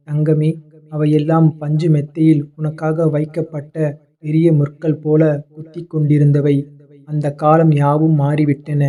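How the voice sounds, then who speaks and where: A man voicing a fatherly male god who calmly consoles a devotee in a devotional address, repeating tender words of endearment. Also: a little high, lightly acted. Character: fatherly male god comforting his child.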